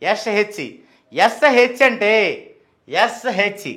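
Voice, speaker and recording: Man, very high voice, explaining name sounds, repeats names slowly, asks and answers himself. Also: bright, forceful tone. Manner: poses and answers his own questions. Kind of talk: explanatory talk.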